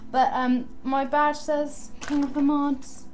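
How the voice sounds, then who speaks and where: A young woman vlogging to her camera, rambling excitedly and giggling as she chats. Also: high-pitched, slow, a little hiss or hum. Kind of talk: casual chatty vlog.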